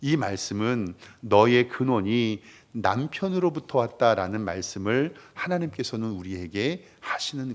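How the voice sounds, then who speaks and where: Male pastor, mid-pitch sermon voice with a very animated melody, emphatic rises and trailing endings. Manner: preaching with rising emphasis and dropping phrase endings. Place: church sanctuary.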